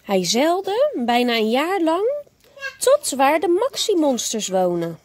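A woman teacher reading a bedtime story aloud to a child, gentle and expressive. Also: high voice, slow pace, no room sound.

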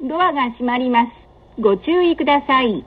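A woman giving scripted automated train announcements in a polite, measured, formal manner. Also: high voice, animated. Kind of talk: scripted recorded onboard announcement. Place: train carriage public-address system. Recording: dull lo-fi train PA, running noise. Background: train ambience.

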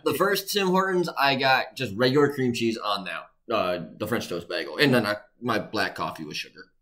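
A man co-hosting a podcast in casual chat, laid-back and chiming in with quick agreements. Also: medium pitch, animated, fairly bright tone. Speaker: podcast co-host.

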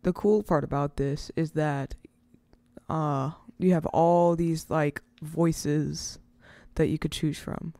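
A tutorial host with a mid-range, steady voice takes things slowly while casually rambling through an informal step-by-step software tutorial. It's a voice-over recorded close to the mic, with a dry sound.

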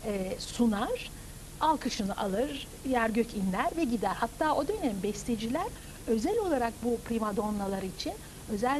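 A woman in her fifties with a fairly high voice speaks on a lapel mic in a TV studio. She explains in a measured, lecturing way, as an opera director and teacher would. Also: lively intonation, darkish tone, slight background noise, rough recording. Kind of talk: studio TV interview.

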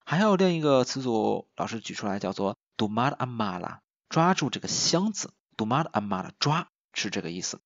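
A man teaching a recorded lesson with a lively, rising and falling voice. He talks like a friendly tutor, poses questions to his listeners and slows right down to repeat each example word twice. The recording is dry, with a slightly dull, muffled tone. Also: mid-range voice, creaky, no echo. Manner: slow, drawn-out repetition of example words. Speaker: language teacher.

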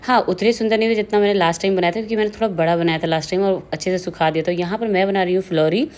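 A woman's voice: fairly low pitch, fairly even intonation, rapid-fire, darkish tone. A young woman chatting casually in a home vlog, slipping English words into her speech. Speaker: vlogger.

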